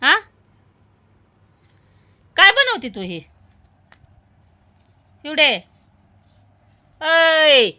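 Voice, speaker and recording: A young woman coaxes a little one in a casual home video, saying the same prompts over and over. Her voice sits high and swoops a lot, with a bright, sharp edge. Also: sing-song, very slow, pauses often. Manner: coaxing, repeating prompts to a child. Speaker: mother filming her child.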